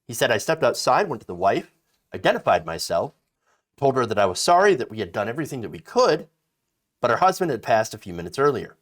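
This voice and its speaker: A man's voice: medium pitch, very animated, quick pace. A man in his thirties giving emphatic political commentary, reading out a story and reacting to it, with frequent fillers and restarts. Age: 30s.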